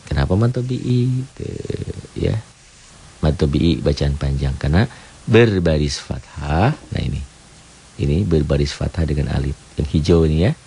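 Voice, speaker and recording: A man teaching a radio tajwid lesson, explaining each rule step by step and chanting the verses slowly. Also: very deep voice, darkish tone, slightly rough. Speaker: Quran recitation teacher.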